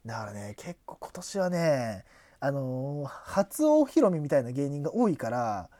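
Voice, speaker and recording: A young man co-hosting a casual podcast, his pitch swooping widely from low mutters to excited highs. His tone is warm and mellow, and he rambles through explanations, often pausing on fillers. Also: no room sound. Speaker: podcast co-host. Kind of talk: casual chat.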